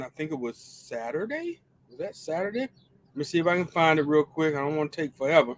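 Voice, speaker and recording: A man co-hosting a casual live show, chatting in a relaxed, joking, rambling way. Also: medium pitch. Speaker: podcast co-host. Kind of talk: casual chat.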